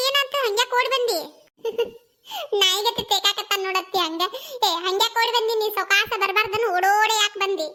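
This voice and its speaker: A woman doing squeaky village cartoon women. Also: sharp tone. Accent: North Karnataka Kannada. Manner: scolding, teasing banter. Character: chatty village women of a farming family.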